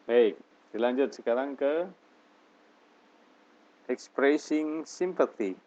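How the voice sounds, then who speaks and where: A man teaching an English lesson, slowly reading English example phrases and explaining them in Indonesian. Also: mid-range voice, mellow. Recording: dull lo-fi lesson recording.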